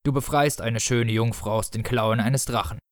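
A man voicing Death as a grumpy, bony, irritable grim reaper who speaks slowly and gruffly in a storybook reading. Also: mid-range voice, fairly even intonation, no echo, clean studio sound, voice pushed down, close to an everyday voice. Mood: gruff grudging. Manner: slow, grinding, gruff.

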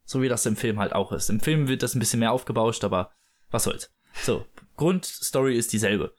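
A man's voice: medium pitch, fairly quick. A man casually retelling a story as a host, loose and full of fillers. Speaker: host reading and discussing a book. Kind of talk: casual chat and book read-aloud.

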